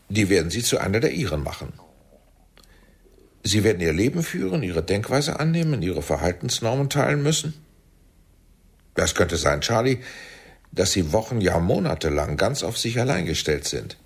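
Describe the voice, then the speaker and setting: In a radio play, a male actor with a deep, husky voice gives a theatrical, heavily acted turn as a paternal, persuasive intelligence chief.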